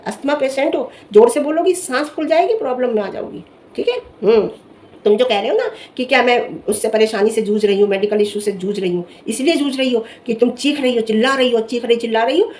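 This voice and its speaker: A young woman vlogger giving an emphatic, scolding commentary to camera. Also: on the high side. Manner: scolding, emphatic, animated rant. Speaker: vlogger reviewing social media drama.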